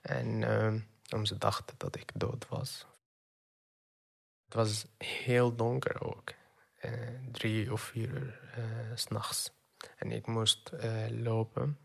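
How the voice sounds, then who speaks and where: Young man, from Syria, flat and even delivery, halting testimony, pauses and fillers, sober and low-key. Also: creaky. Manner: halting, with many pauses and fillers, dropping in English words. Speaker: refugee telling his story. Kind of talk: personal testimony.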